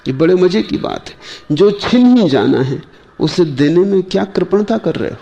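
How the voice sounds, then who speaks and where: A spiritual teacher gives a slow, measured discourse, leaving long pauses between short phrases and often posing rhetorical questions to his listeners. His voice sits high and is expressive, mellow and dark with a gravelly edge.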